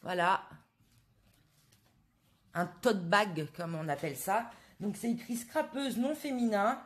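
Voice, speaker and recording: Woman, from France, casual haul chat, hesitant and chatty, mid pitch. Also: slow pace. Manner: chatty, hesitant with many fillers, addresses viewers directly. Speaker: craft vlogger.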